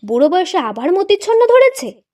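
A woman's voice: very high-pitched, big pitch swings, brisk, darkish tone, pitched above the performer's own voice. A woman reading a story, voicing an irritable, suspicious elderly wife who scolds her husband sharply. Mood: scolding.

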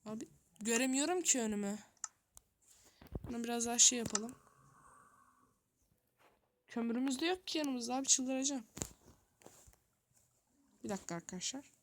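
A woman's voice: on the high side, normal speed, pauses often, a little hiss or hum. A woman giving running gameplay commentary, thinking aloud, talking straight to her viewers and muttering to herself in a flustered way. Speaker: gaming youtuber.

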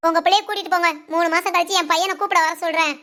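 A woman's voice: extremely high pitch, steady tone, rapid-fire. A woman voicing a cold, demanding mother-in-law who gives curt orders in a cartoon family drama. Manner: commanding, curt.

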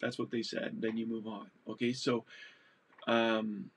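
A man's voice: fairly low pitch, level tone, measured pace, creaky, slight background noise. A man from Canada giving casual advice to camera in a chatty, digressive way, laughing at himself now and then.

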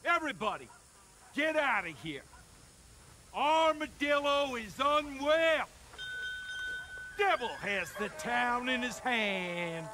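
An actor playing a frantic frontier town crier in a western video game, calling out loud, drawn-out warnings over outdoor ambience. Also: male voice, extremely high pitch, very animated, background noise, heavily acted. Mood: frantic, urgent.

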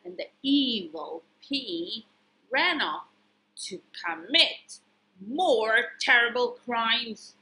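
Woman, reading storybook to children, unhurried, lively pitch. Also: poor audio. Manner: animated, pointing out pictures and asking questions. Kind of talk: reading a picture book aloud to children.

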